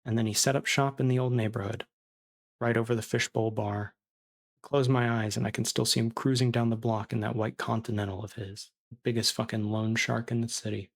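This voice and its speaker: A man reading as a starving, bitter disgraced surgeon who confesses in a castaway's diary, callous and self-justifying, with a creaky voice. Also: medium pitch, level tone, a little fast. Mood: bitter, boastful.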